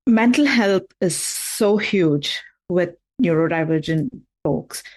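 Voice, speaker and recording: Unhurried woman co-hosting a podcast. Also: on the low side, expressive, darkish tone. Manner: affirming, ends points with "right?". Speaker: podcast co-host. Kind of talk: conversational podcast interview.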